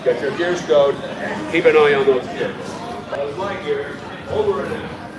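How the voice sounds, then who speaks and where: A man voicing a heroic male space ranger commander giving formal orders, heard as an announcement over a ride loudspeaker. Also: on the high side, unhurried. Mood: commanding. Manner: commanding, formal briefing delivery. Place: inside a busy theme park ride hall. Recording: echoey loudspeaker heard from afar amid crowd.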